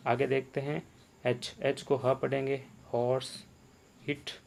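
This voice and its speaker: Patient male teacher, unhurried delivery, medium voice, drills letters by repetition. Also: medium pitch, little pitch movement, gravelly, a little mellow. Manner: slow, repeats sounds and quizzes the viewer. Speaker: English teacher. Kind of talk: spoken language lesson.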